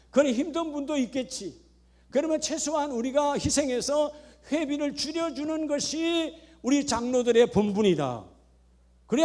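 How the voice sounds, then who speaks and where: A man with a notably high voice preaching a church sermon. He scolds and exhorts with pointed rhetorical questions, then sinks into quiet, confiding storytelling. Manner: swings between loud exhortation and hushed storytelling. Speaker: senior pastor. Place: church worship service.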